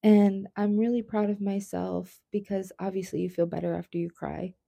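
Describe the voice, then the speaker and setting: A woman co-hosting a podcast, talking softly and reflectively in casual chat about a hard personal time. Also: medium pitch, level tone, normal speed, creaky. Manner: soft-spoken, emotional, reflective. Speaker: podcast co-host.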